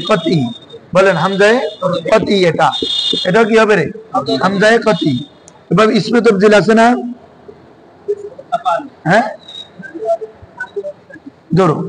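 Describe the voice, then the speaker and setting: A man's voice: sits high, background noise. A male teacher, giving a classroom lesson and quizzing his students with repeated questions.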